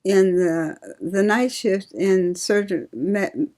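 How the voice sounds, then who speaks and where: An older woman from Ohio, a retired nurse, reminiscing slowly and laughing often in an oral history interview. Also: medium pitch, warm tone. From Cincinnati, Ohio.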